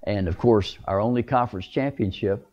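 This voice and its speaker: A man's voice: fairly low pitch, normal speed, lo-fi sound. Man recalling a former player. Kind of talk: documentary interview.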